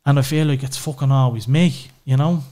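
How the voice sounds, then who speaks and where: A warm, mid-range voice moving at a fairly quick pace belongs to an Irish man being candid on a podcast. He talks about his family with open emotion, swears without hesitation, and peppers his speech with "you know."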